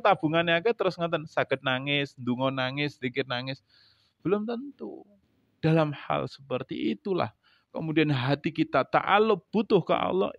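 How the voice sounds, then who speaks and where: East javanese guy preaching, a bit high voice, jumps loud then drops quiet, dull lo-fi sound. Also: creaky, no echo. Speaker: preacher teaching a religious book. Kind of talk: sermon. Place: mosque or prayer hall gathering.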